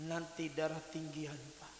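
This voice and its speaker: A man voicing a cheeky, sly young woman who whines and pleads in a high voice. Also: completely flat delivery, normal speed, close to an everyday voice. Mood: sly pleading. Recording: echoey hall, faint hiss.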